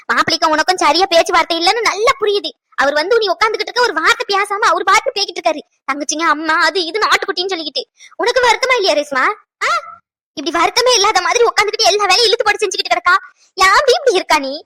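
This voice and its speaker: A woman's voice: very high voice, animated, rapid-fire, bright, forceful tone, no room sound, clean studio sound, full character voice. An actress playing a mother who is upset and scolding about her married daughter, in a serial drama. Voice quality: scolding, exasperated.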